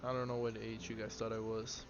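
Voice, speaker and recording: Young male streamer, early twenties, loose rambling chat with chat, slightly muffled audio and steady background hiss. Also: lowish voice, a little fast. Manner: rambling, filler-heavy, answers chat offhand. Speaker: game streamer. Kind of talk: casual live-stream chat while playing. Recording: slightly dull audio with clear background noise.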